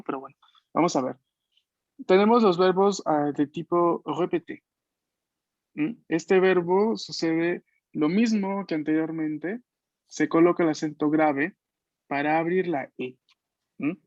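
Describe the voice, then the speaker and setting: A man leads an online French lesson, explaining pronunciation patiently and pronouncing each form slowly. His voice sits a little high. The call audio is dull and dry. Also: darkish tone, no echo. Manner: patient, explains slowly, models French words at a deliberate pace. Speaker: French teacher. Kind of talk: online language class. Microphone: video call.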